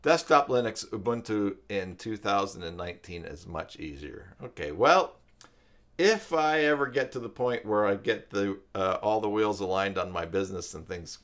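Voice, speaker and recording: Animated and fairly bright, this middle-aged man's voice sits fairly low and moves at a normal speed. As a self-employed web tutor hosting a relaxed live stream, he reads, chats with viewers and rambles, thinking out loud.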